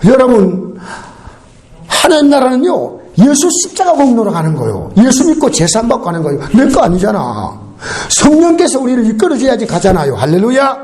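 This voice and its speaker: A male pastor delivers a Sunday sermon with a high, lively voice that leaps up for emphasis and drops low for asides. He keeps calling out to the congregation and asks them to answer back. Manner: animated, call-and-response with the congregation. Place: church sanctuary.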